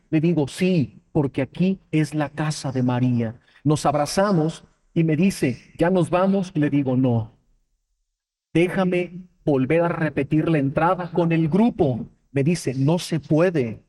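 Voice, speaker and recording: A man's voice: high-pitched, dark tone. A man, a Bible teacher, preaching a sermon and telling a personal testimony with emotion, acting out the dialogue. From Mexico. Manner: emotional storytelling, acts out dialogue.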